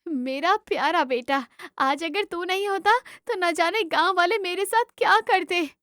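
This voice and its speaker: A woman voicing a worried, loving village mother in a cartoon, asking anxious, high questions. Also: unhurried, fairly bright tone, no echo, clean studio sound.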